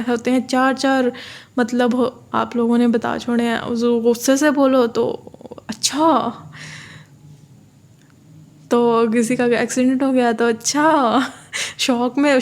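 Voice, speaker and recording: A woman from Pakistan, tutoring for an exam, explaining slowly, repeating key terms and reading English definitions aloud. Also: on the high side, a little mellow. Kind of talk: exam-prep lecture.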